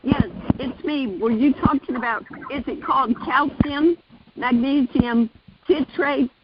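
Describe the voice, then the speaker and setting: A woman with a high voice comes through muffled and faint, as if from behind a wall. She speaks haltingly on a dull, lo-fi phone line thick with noise. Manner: halting, repeats her questions. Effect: muffled and faint, as if heard through a wall. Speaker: caller on a conference call. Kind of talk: casual group phone call. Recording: noisy lo-fi phone line, distant from the mic.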